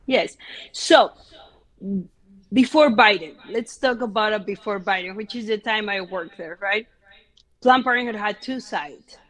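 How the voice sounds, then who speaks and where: A woman's voice: medium pitch, a little slow, rough recording. A native Spanish-speaking woman from Mexico with an immigrant's Mexican accent, telling her story conversationally as an interview guest and often checking for agreement with short tag questions. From Mexico City, Mexico. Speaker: interview guest giving testimony.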